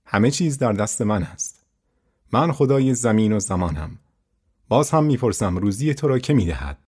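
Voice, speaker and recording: A boastful, commanding king from a storybook, proud and quick to anger, as a male narrator puts him on. The voice stays low and husky, close to the reader's own. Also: animated, a little mellow. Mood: wrathful.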